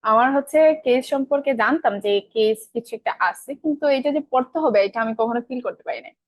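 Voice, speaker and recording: Female online grammar teacher, young, rapid-fire delivery, quizzing her class, dry close mic. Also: on the high side, dry recording. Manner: asks the class questions and answers them herself; colloquial, mixes in English terms.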